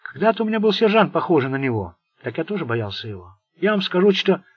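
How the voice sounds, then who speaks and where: A man's voice: fairly high pitch, big pitch swings, fast talker, slightly rough, no room sound, voice pushed up. A man voicing a bitter, sardonic Italian gangster who rambles nervously. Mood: anxious. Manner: sarcastic, venomous.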